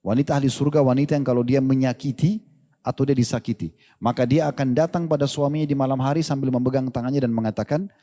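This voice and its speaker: A man's voice: mid-range voice, fast talker. Man preaching with a long hall echo. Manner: lively, joking, asks rhetorical questions, colloquial slang. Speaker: Islamic preacher. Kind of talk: casual Islamic lecture.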